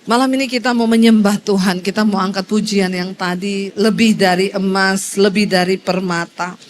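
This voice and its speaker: A woman's voice: mid-range voice, steady tone, moderate pace, a little hiss or hum. A woman pastor with an Indonesian accent, preaching a sermon and telling a story, acting out the voices of the people in it. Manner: storytelling, acts out quoted voices.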